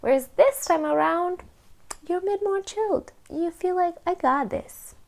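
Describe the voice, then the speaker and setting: A woman's voice: extremely high pitch, normal speed, creaky, a little mellow. Chatty woman vlogger, often laughing. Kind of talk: casual chat to camera.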